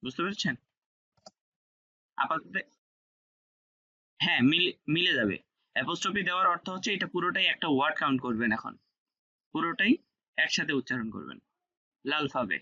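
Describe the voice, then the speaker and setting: A man with a very bright, fairly high voice teaches an online class. He explains step by step, repeating key words and checking understanding. The sound is dull and lo-fi. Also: expressive, a little fast, gravelly, long pauses. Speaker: French teacher.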